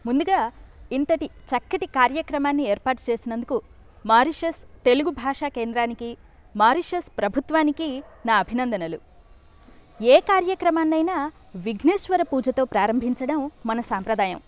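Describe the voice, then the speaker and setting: Young woman, high voice, addresses a festival crowd like a teacher and has them repeat words. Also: animated, moderate pace. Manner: warm teacherly, asks the audience to repeat words. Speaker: speaker addressing a Telugu cultural event. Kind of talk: prepared speech with sung song.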